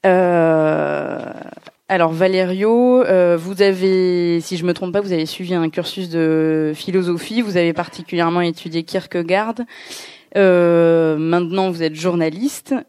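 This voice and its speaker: A woman hosting an author event, introducing and questioning a guest in a hesitant, halting way. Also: on the low side, steady tone, a little mellow, clear, resonant tone, no echo. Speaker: host of a bookshop author event. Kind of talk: live event introduction and interview.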